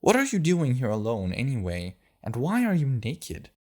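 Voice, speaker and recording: A man voicing a pale, sickly girl with a high, girlish voice who is eerily eager and hides menace, in an audiobook. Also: huge pitch swings, normal speed, a little mellow. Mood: guarded.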